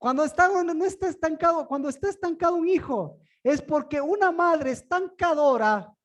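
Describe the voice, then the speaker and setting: High-voiced male preacher, questions the room constantly, stumbles and repeats words. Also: normal speed. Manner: asks the room many rhetorical questions; repeats and restarts words often. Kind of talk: sermon-style Bible teaching.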